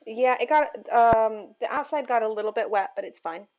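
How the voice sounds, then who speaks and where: A woman's voice: a little high, moderate pace, highs cut off. A woman hosting a cooking livestream, chatting casually with viewers and answering their messages with giggles.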